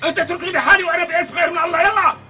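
A snappish Syrian grump, high and bright. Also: male voice, steady tone, very fast, soft background music, full character voice. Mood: irritated. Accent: Syrian Arabic. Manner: snappy, exasperated, curses freely. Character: irritable, brusque man who wants to be left alone. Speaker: stubborn lodger. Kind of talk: TV comedy acting.

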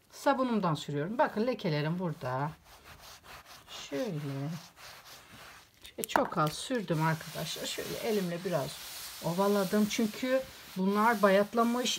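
A woman's voice: mid-range voice, a little hiss or hum. A woman in a casual how-to home cleaning video, chatting to viewers as friends while she works on a rug at home.

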